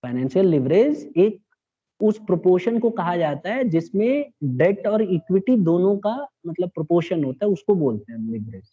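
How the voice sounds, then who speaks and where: A man's voice: high voice, very animated, normal speed, mellow. A man teaching a classroom lecture, explaining step by step and checking in with his students. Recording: dull lo-fi classroom recording.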